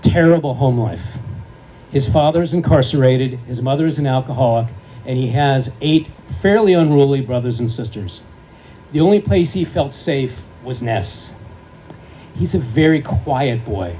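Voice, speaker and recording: A man's voice: mid-range voice, expressive, moderate pace, mellow, slight background noise, poor audio. A man giving a formal award acceptance speech at a ceremony, earnest and heartfelt, telling a story to make his point. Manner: earnest, heartfelt, emphatic list-making.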